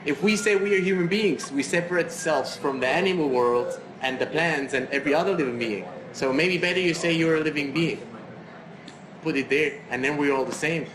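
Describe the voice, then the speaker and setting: A man's voice: on the high side, fairly quick. A man speaking as a guest in a casual conversation, earnest and philosophical with slightly broken grammar. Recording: roomy and noisy.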